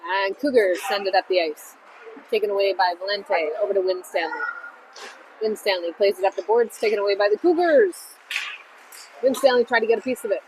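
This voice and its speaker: At an ice rink, a woman gives chatty amateur play-by-play of a hockey game, rooting for her home team. Her voice is medium-pitched and brisk, surrounded by noisy rink ambience.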